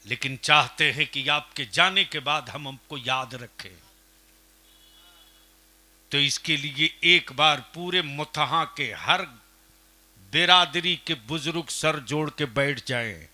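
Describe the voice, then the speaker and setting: A man preaching a fiery sermon at a public gathering, asking the crowd questions and swinging up to shouting. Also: fairly high pitch, slow. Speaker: Islamic preacher. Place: outdoor religious gathering.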